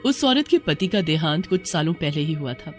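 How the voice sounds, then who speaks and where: A storyteller reading a cartoon story in an even, scripted way. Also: mid-range voice, moderate pace, soft background music.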